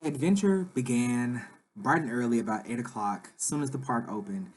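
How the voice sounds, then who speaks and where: A man's voice: medium pitch, normal speed, slightly rough. Chatty man narrating a family vlog. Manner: enthusiastic, chatty, says "like" a lot. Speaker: family vlogger, father.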